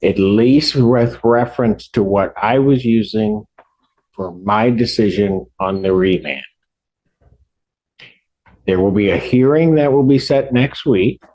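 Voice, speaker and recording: A man speaking as a judge, giving rulings from the bench in a formal, deliberate way. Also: mid-range voice, a little mellow, dull audio.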